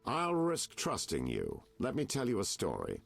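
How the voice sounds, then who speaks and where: Game's noir private eye: weary, sly, gravelly, with hugely dramatic pitch swings. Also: male voice, huge pitch swings, moderate pace, faint music behind, full character voice. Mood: grim storytelling. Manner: noir detective delivery, theatrical and insinuating. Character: world-weary male private detective with noir flair. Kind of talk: video game dialogue acting.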